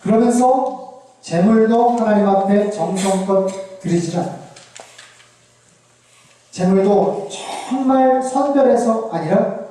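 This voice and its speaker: A male pastor giving a Bible lecture, animated and asking the audience rhetorical questions. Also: high voice. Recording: very echoey hall, distant mic.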